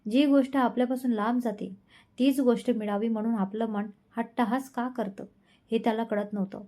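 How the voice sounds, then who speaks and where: A woman's voice: on the high side, fairly even intonation, moderate pace, dark tone. A woman storyteller reading an emotional love story in a dramatic, emotive way. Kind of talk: scripted emotional narration.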